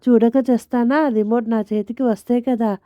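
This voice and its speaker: A woman's voice: on the high side, fairly even intonation, normal speed, no room sound, close to an everyday voice. A woman voicing a grumpy, sarcastic middle-aged husband who scolds and teases his wife in a storybook tale. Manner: scolding, teasing. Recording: dull lo-fi dry recording.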